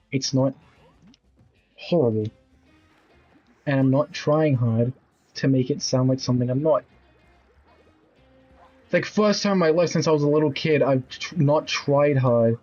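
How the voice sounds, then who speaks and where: A man's voice: medium pitch, warm tone, lo-fi sound. A man in his twenties streaming a video game, talking casually with blunt, rambling commentary and casual swearing. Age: 20s.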